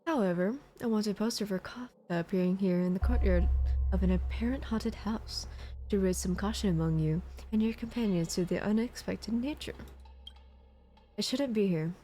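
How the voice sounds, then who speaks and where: A woman's voice: medium pitch, moderate pace, mellow, a little hiss or hum. A woman streaming a game, reading its text aloud expressively and adding casual commentary. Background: music.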